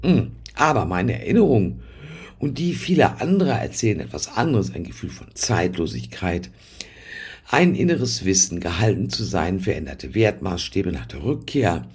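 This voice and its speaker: A man giving a reflective philosophical talk, musing aloud with pauses and soft asides. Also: low voice, very animated, husky. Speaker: speaker.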